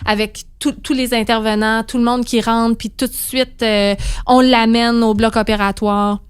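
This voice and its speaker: A woman's voice: a little high, flat delivery, normal speed, smooth, no echo, clean studio sound. A woman with a Quebec French accent, a guest on a podcast, telling the story of her birth in a vivid, emotional way.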